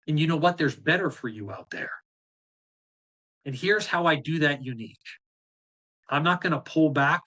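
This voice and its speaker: A man's voice: on the high side, expressive, normal speed, long pauses, sharp tone. Blunt, fired-up male business coach. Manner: direct, blunt and fired up, with casual swearing. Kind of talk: live group coaching session.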